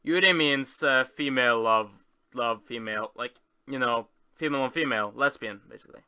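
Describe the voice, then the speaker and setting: A man talks through a casual screen tour as a video host, rambling, breaking off and fixing his words. His mid-range voice is very bright and forceful yet clear and smooth. The recording is close and dry, without echo.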